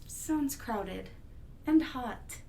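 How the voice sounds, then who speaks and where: A woman's voice: fairly high pitch, lively intonation, drawn-out words, creaky, warm tone, distant mic, slight background noise, heavily acted. A young woman playing a starry-eyed student admirer in scripted drama dialogue. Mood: wry. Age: young adult.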